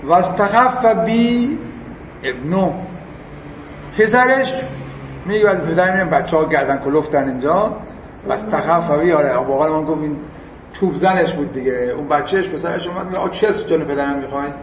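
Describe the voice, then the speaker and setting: A man giving a casual religious lesson. He reads Arabic text slowly, then explains it in everyday speech and acts out the people he quotes. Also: a little high, slight background noise. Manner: acts out the quoted speakers in lively asides. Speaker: religious teacher. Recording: roomy, distant and dull.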